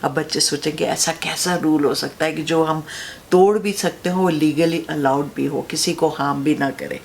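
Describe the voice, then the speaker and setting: Lady teacher explaining teaching tips, low voice, keeps checking in, slips into english a lot. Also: steady tone, vocal fry, darkish tone, slight background noise. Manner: explanatory, often checks in with listeners; mixes English phrases into her talk. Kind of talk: teacher-training talk.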